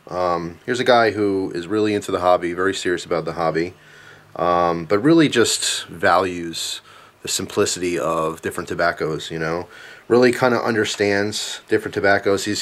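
A man in his thirties giving a casual, chatty product review in a halting, thoughtful way, pausing between short phrases. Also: deep voice. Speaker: pipe tobacco reviewer.

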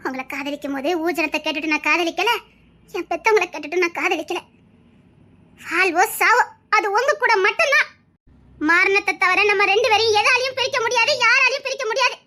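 A woman's voice: very high-pitched, brisk, bright, forceful tone. A woman with a Tirunelveli Tamil accent, playing a devoted young wife who tenderly comforts her husband in a melodrama. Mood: passionate. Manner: soothing, reassuring, tender. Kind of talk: emotional melodrama acting.

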